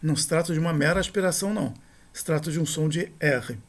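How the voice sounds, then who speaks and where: A middle-aged man with a gravelly edge to his slightly high voice, walking students through a recorded grammar lesson. He talks patiently and explains things step by step. He repeats his points and keeps checking in with a quick "right?" tag. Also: a little hiss or hum. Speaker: teacher.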